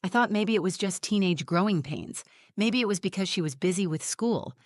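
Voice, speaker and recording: A woman in her forties giving a measured, reflective first-person narration of a scripted story. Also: medium pitch, animated, no echo, studio quality.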